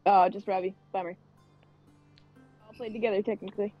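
A woman chatting quickly over voice chat through earbuds, her voice hollow and echoing as if she were in a cave. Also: mid-range voice, steady tone, soft background music. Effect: hollow cave-like echo on voice chat. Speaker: friend on voice chat. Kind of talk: casual chat. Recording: dull lo-fi voice chat, cave-like echo.

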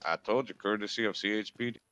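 A man's voice: fairly low pitch, fast talker, sharp tone, smooth. A man playing an online game, bantering with other players in a teasing, mock-tough way. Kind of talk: casual voice chat.

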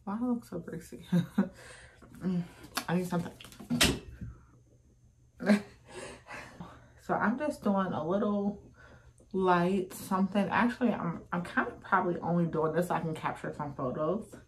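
Woman in her 30s, pretty low voice, just chatting to viewers at home on a phone cam. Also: measured pace, long pauses, a little hiss or hum. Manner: chatty, talks straight to viewers. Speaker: vlogger. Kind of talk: casual vlog chat. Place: home room, indoors. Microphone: phone or camera at close range.

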